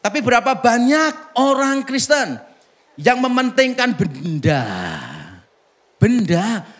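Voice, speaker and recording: Male pastor, higher-pitched voice, joking conversational sermon, rhetorical questions to the congregation. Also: expressive, slow pace, fairly bright tone. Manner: humorous, conversational, teasing the congregation. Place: church service.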